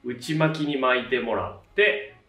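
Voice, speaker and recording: A man in his thirties, a hairdresser and channel host, walks through a tutorial step by step in a casual, polite way. His medium-pitched voice is unhurried and a bit bright. The room is echoey, the mic distant, and faint music plays in the background.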